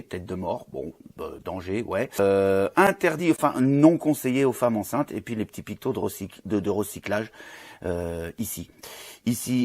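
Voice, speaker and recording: A man with a slightly low voice talks his viewers through an unboxing. He chats loosely, full of fillers and restarts, in the easy tone of a hobby reviewer. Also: darkish tone. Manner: chatty, many fillers and restarts. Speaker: vape reviewer.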